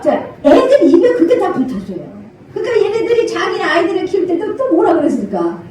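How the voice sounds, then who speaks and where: An older woman pastor preaching a sermon, animated, acting out parent and child voices and laughing often. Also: extremely high pitch, a little fast, a little hiss or hum. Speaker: senior pastor. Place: church sanctuary. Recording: echoey church hall from far off.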